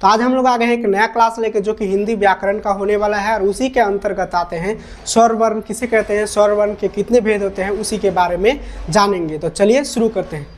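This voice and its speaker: A woman's voice: medium pitch, brisk. A woman teacher giving a grammar lesson at a whiteboard, repeating each definition and asking rhetorical questions that she answers herself.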